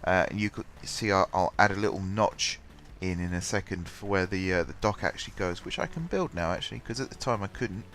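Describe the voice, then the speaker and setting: Deep-voiced and a bit bright, a gaming host with a cold speaks fairly quickly and hardly pauses. His stuffy voice rambles through casual game commentary thick with ums and restarts, while faint music plays.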